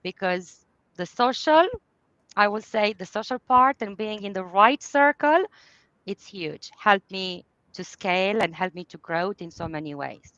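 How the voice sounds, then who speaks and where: A woman's voice: mid-range voice, a little slow, no echo, lo-fi sound. A woman in her thirties from Romania with a Romanian accent, a business coach speaking as a guest on a podcast, laughing often. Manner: warm, laughs often, non-native phrasing. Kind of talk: podcast interview.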